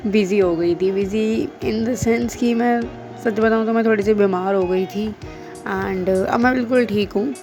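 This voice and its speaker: Over music, a woman in her twenties, a vlogger who also works as a school teacher, chats casually to camera in Hinglish. Her mid-range voice moves at a measured pace as she mixes in English phrases and pokes fun at herself.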